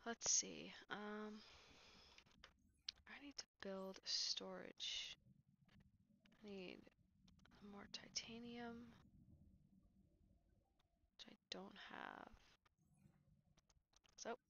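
A sleepy woman chatting her way through a video game late at night, slow and lively in pitch, with gravel in her low notes. She often drifts into soft, breathy half-whispers. The recording is dull and lo-fi, with a faint hiss and keyboard clicks behind her. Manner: sleepy, yawning, quiet and breathy at times. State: tired. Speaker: game streamer. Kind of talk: casual gameplay commentary.

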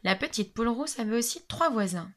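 A woman, a teacher, reading a picture book aloud to young children with lively storytelling, dropping at times to a whisper and explaining words. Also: on the high side, fairly quick.

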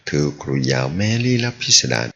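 A man reading a translated martial-arts novel aloud as the serial's narrator, telling it in an animated way. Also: a little fast, a little hiss or hum. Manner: animated storytelling. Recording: dull lo-fi audio.

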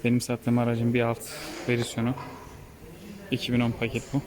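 A man's voice: medium pitch, monotone, moderate pace, crowd noise. A man hosting a casual vlog tour and interview in a car repair workshop, talking with frequent hesitation fillers. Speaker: host touring a car repair shop.

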